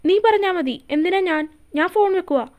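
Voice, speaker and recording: A woman's voice: very high-pitched, lively intonation, moderate pace, a little mellow. A woman voicing a reserved young woman in love who answers curtly and seriously in a story reading. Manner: curt and serious.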